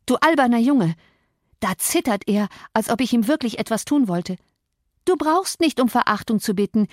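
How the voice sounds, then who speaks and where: A woman's voice: fairly high pitch, animated, moderate pace, dry recording, studio quality, pitched above the performer's own voice. A woman reading an audiobook, voicing a proud, impatient young woman who scolds indignantly. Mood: scornful.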